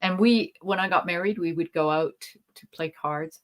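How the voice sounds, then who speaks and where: A woman with a fairly low voice chats casually on a livestream over a video call. She is talkative and laughs often, and her sentences often trail off unfinished. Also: normal speed. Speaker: co-host.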